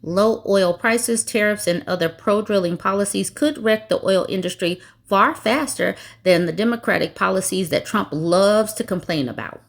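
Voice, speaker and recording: A woman's voice: medium pitch, moderate pace, creaky, few pauses. A woman hosting political commentary, reading news articles aloud and breaking off into sarcastic, mocking asides.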